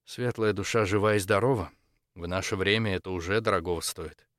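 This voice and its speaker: A man voicing a composed, patient female church dean in an audiobook, speaking in a measured and polite way. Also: deep voice, fairly even intonation, a bit bright, dry recording, studio quality. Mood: calm.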